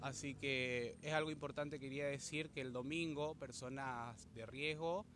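A man's voice: mid-range voice, steady tone, normal speed, noisy background. A man making an earnest campaign appeal in a street interview outdoors. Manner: earnest, repetitive fillers. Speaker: campaign supporter.

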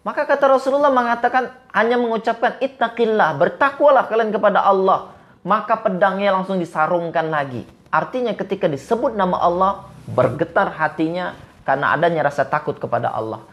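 A man from Medan giving an Islamic sermon, quoting Arabic verses and telling stories with lively, rising and falling emphasis. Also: sits high, a little fast, dull audio. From Medan, Indonesia. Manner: animated preaching, quotes Arabic verses and retells stories. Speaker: Islamic preacher.

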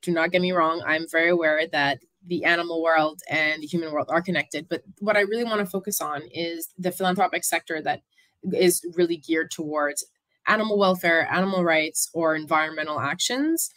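Friendly lower-voiced woman guest. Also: fairly quick, a bit bright, dry recording. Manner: friendly, laughs easily, chatty. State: sore throat. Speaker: guest, philanthropy consultant. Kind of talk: casual interview chat.

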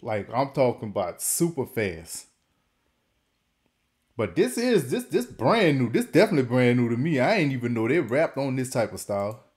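A man's voice: mid-range voice, big pitch swings, moderate pace, a little mellow. A man hosting a casual reaction video, talking loosely, repeating words as he stumbles, and laughing often. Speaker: reaction channel host.

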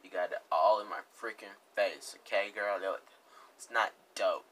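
A young adult man hosts a reaction video from an indoor room with a green screen, his voice on the low side, steady, a bit bright, and at normal speed. His commentary is casual and slangy, full of repetition and joking exclamations.

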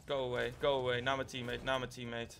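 A man from the Netherlands giving live gameplay commentary. He is excitable, swears a lot and mixes English slang into his talk, and his voice jumps to high shrieks when he panics. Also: fairly quick, gravelly, slight background noise. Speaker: gaming YouTuber.

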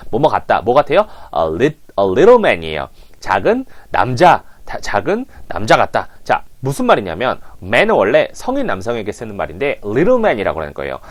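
Lively male English coach on a lapel mic. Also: mid-range voice. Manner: animated, keeps prompting listeners to repeat. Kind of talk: language lesson.

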